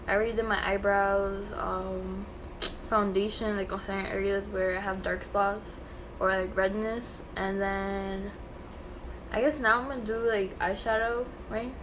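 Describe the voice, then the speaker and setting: At a measured pace and with little pitch movement in her mid-range voice, a young woman vlogs a makeup tutorial indoors in her small bedroom. She chats casually, with a slight lisp from a recent tongue piercing, and the home recording is clearly noisy.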